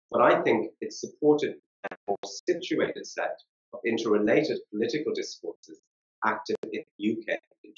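A man giving a formal academic keynote lecture at a conference, in a measured way. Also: on the low side. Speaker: keynote speaker. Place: conference hall. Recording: echoey, dull live-stream recording.

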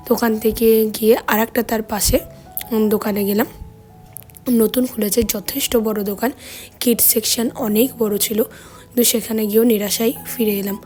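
Woman vlogger, 30s, hoarse, high-ish, faint music behind. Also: warm tone. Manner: chatty, storytelling. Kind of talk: casual vlog narration.

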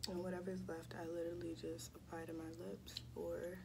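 Young woman, casual vlog chat, soft whispers, noisy phone recording. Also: lowish voice, level tone, a little fast, gravelly. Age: young adult. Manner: chatty, slips into soft whispers. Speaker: vlogger. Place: small dorm room indoors.

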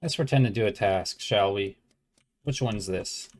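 A man's voice: lowish voice, measured pace. A man chatting playfully while streaming a social deduction game, joking with other players. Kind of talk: casual gameplay chat.

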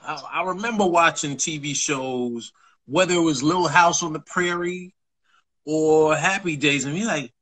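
A man hosting a podcast in casual chat, thoughtful and slow, often restarting phrases. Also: on the high side, a bit bright. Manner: thoughtful, restarts phrases, stretches words slowly. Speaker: podcast host.

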